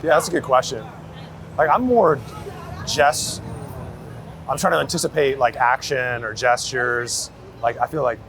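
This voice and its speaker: Out on a busy city street with traffic noise all around, a street photographer being interviewed chats casually in a gravelly, mid-range voice that's a bit bright. He's slangy and full of anecdotes, hedging with "like" and "you know."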